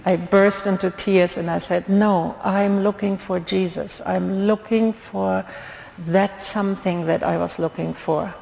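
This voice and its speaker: An older woman from Germany with a German accent, giving an earnest church testimony with many fillers and pauses. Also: medium pitch, fairly even intonation, creaky, a little mellow. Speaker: guest speaker giving testimony. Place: church sanctuary. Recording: long hall reverb.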